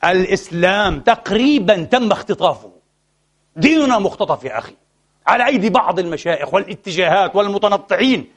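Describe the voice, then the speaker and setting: Guy preaching a heated sermon, high voice, talks fast, sad and frustrated, calls everyone brothers. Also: animated, breathy edge. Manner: impassioned, addresses listeners as brothers, swings between soft and loud. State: saddened and frustrated. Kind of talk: Friday sermon.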